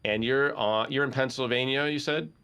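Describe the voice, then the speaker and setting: A man's voice: medium pitch, fairly even intonation, normal speed, fairly bright tone, clear, resonant tone. A man hosting an interview over a video call, easygoing and affirming, asking long rambling questions. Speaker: podcast host. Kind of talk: casual interview chat.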